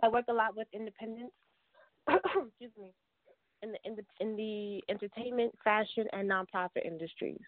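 A woman's voice: mid-range voice, normal speed, no echo. A woman from New York, a public relations consultant, speaking politely as a talk show guest and sometimes repeating words. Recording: dry tinny phone line.

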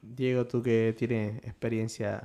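A man's voice: medium pitch, unhurried. Easygoing Ecuadorian man telling stories. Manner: relaxed storyteller who tags phrases with "loco". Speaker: podcast co-host. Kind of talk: casual chat.

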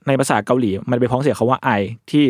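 A man's voice: mid-range voice, steady tone, very fast, breathy edge, dry recording. Thai man explaining at length, dry sound. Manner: explains at length with fillers and casual swearing. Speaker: podcast host. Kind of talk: casual discussion podcast.

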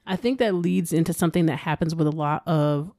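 A woman co-hosting a psychology podcast, talking in a relaxed, conversational way and laughing now and then. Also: low-pitched, fairly quick, no room sound, studio quality. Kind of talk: casual podcast discussion.

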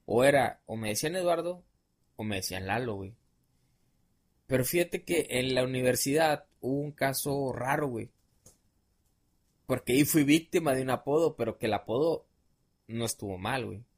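Young adult Mexican man, podcast guest, mid-pitched, rambling slangy storyteller. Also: moderate pace, pauses often. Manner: rambling, slangy, many fillers. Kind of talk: casual storytelling chat.

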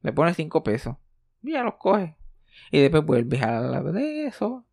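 A man's voice: fairly high pitch, a little slow, creaky, dry recording, studio quality. A young man with a Puerto Rican accent, telling a joking family anecdote in a casual chat. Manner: animated, joking, tumbling anecdotes.

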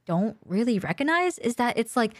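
A woman's voice: a little high, big pitch swings, moderate pace, no room sound, clean studio sound. A woman co-hosting a casual podcast chat about streaming, talking candidly with swearing and many fillers. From lives in Japan. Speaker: streamer co-host.

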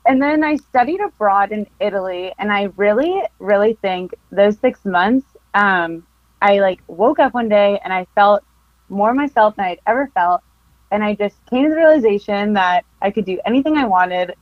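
A woman's voice: medium pitch, animated, normal speed, no echo, highs cut off. A woman in her twenties from California, a film photographer chatting in a casual interview, laughing often and filling with likes and ums. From Costa Mesa, California. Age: 20s. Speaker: podcast guest, film photographer.

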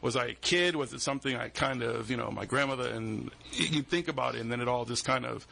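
A Boston man in his 40s who owns a security business appears as a podcast guest in a studio, telling rambling stories in a casual interview. He speaks quickly in a medium-pitched, gravelly, pushed and bright voice, restarting often and acting out the voices he quotes.

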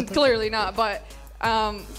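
A woman's voice: medium pitch, fairly even intonation, very slow, soft background music. A woman on a sports panel who speaks lightly, laughing and trailing off. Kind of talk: casual panel chat.

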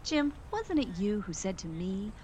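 A woman's voice: medium pitch, sing-song, normal speed, warm tone, highs cut off, a little hiss or hum, close to an everyday voice. An actress playing a level-headed woman detective who narrates her case in an audio drama.

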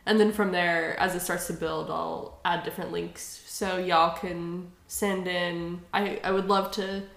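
A woman's voice: lowish voice, flat delivery, a little slow, gravelly, a bit bright. Chatty woman podcast host, roomy sound. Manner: chatty, laughs often. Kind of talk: casual podcast chat. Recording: roomy echoey room.

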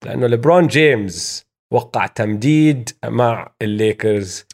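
A man's voice: mid-range voice, animated, moderate pace, darkish tone. A man with a Levantine Arabic accent hosting casual sports commentary, dropping English terms into his speech. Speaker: sports show host. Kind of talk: casual basketball news commentary.

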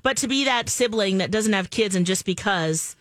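A woman co-hosting a radio call-in show, speaking in a thoughtful, gentle, casual way. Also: mid-range voice, animated, moderate pace, no echo. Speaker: radio co-host.

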